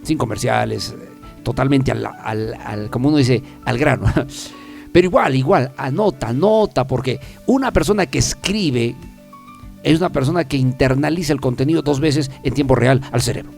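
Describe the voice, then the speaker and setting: A man's voice: medium pitch, moderate pace, gravelly, a little mellow, faint music behind. A man hosting a self-help talk program, speaking emphatically and repeating key phrases for the listener. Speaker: self-help radio host. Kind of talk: motivational talk show monologue.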